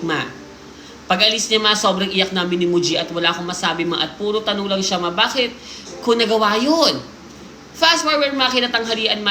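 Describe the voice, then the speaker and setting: Animated woman host reading stories, echoey room. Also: mid-range voice, a little hiss or hum. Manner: animated storytelling, Taglish, jokes and asides. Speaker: livestream host. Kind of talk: reading listener stories aloud on a live stream. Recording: roomy sound with music playing behind.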